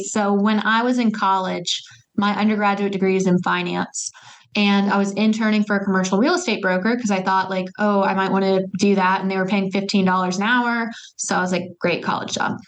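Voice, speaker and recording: A young woman from Huntsville, Alabama, speaking in a steady, medium-pitched voice, is a guest in a casual interview. She tells stories chattily, with quick asides and plenty of fillers.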